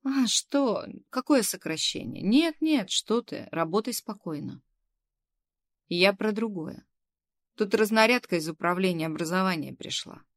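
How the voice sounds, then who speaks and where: A woman voicing a middle-aged female kindergarten head who is fussy, bossy and coaxing, with a gravelly edge. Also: on the low side. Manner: coaxing, bossy, quick to scold.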